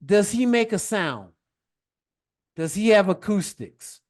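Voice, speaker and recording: A man's voice: high-pitched, animated, takes it slowly, a little mellow. A man teaching a one-on-one science lesson, patient and encouraging, guiding his student with questions and praise.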